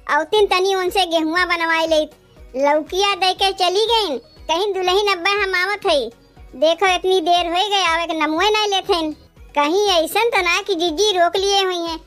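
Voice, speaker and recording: A woman's voice: very high-pitched, fairly bright tone. A woman voicing quarrelsome young village daughters-in-law with an Awadhi accent, taunting and bickering.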